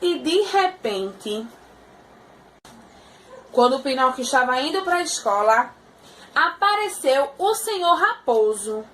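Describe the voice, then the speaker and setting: A woman teacher telling a story to small children, animated and often checking in with her listeners. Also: high-pitched, slow pace, long pauses, a little hiss or hum.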